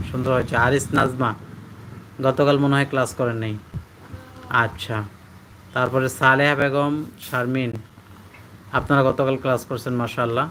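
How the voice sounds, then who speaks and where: A man teaching a live online Quran reading class. He patiently drills letters and syllables, repeating them slowly, and reads out and praises his students' answers. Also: mid-range voice, pushed and bright, a little hiss or hum.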